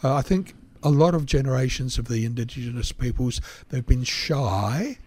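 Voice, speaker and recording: An older Australian man with a croaky, froggy voice, chatting casually as co-host of a radio show. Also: mid-range voice, moderate pace, darkish tone. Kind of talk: casual chat.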